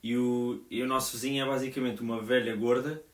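A man's voice: mid-range voice, flat delivery, a little fast. A young man in his twenties with a European Portuguese accent, co-hosting a podcast and telling a rambling story in casual slang, full of fillers. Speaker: podcast co-host. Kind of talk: casual chat. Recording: roomy echo.

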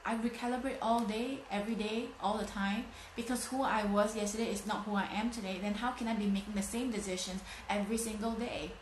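A woman's voice: medium pitch, fairly even intonation, fairly quick, hardly any pauses, slight background noise. A woman in her late thirties giving a motivational talk, emphatic and fond of repeating phrases for effect. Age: 30s. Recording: echoey room.

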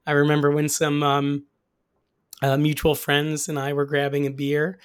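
A man hosting a casual podcast interview in a hoarse voice that he has partly lost, speaking with enthusiasm. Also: fairly high pitch, completely flat delivery, moderate pace, dry recording, clean studio sound. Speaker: podcast host.

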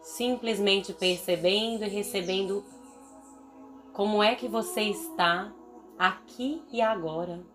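In a guided meditation, a Brazilian Portuguese–accented woman speaks with soothing deliberation and long pauses between phrases. Her medium-pitched voice has a fairly bright tone, and faint music plays behind her.

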